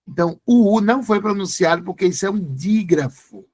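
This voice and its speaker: A man's voice: sits high, animated, fairly quick, darkish tone. A man teaching an exam-prep grammar lesson, spelling words out letter by letter.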